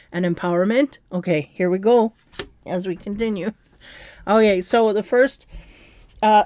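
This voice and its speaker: A woman gives a casual tarot card reading in a raspy, hoarse, mid-range voice with a darkish tone. She rambles, restarts her sentences, and uses many fillers. The studio-quality recording has no echo.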